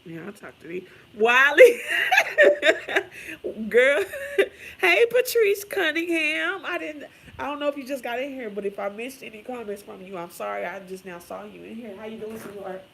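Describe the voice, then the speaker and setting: The voice is medium-pitched, animated, creaky, husky and a bit bright, moving at a moderate pace. It belongs to a livestream host casually reading viewer comments aloud, laughing often and straying into gossip.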